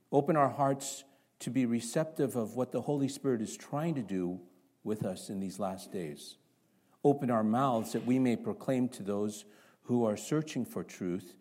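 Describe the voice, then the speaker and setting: His voice fairly low, a Canadian man preaches to a church congregation. He opens in quiet prayer, then turns animated, firing rhetorical questions at his listeners one after the next.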